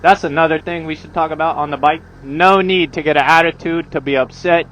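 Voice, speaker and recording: A man's voice: on the high side, fairly even intonation, a little fast, a bit bright. A man vlogging as he rides, talking casually to viewers in slangy, profanity-laced language. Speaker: motorcycle vlogger. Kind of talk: casual riding commentary to viewers. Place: outdoors, riding a motorcycle on the road. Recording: noisy outdoor motorcycle ride, engine and traffic.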